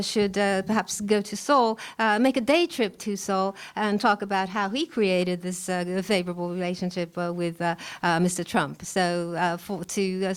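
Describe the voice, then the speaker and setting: A woman working as a live consecutive interpreter at a press briefing, rendering remarks into English in short, halting phrases with frequent pauses. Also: fairly low pitch, smooth. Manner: halting, pausing often mid-phrase.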